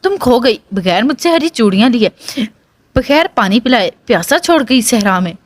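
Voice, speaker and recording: A heartbroken young brother pleads and breaks into anguished, tearful outbursts, as a woman reading aloud puts him on. The voice sits fairly high and swings widely in pitch, heard dry and close in a storybook reading. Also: lively intonation, no room sound. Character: grief-stricken young man, devoted loving brother.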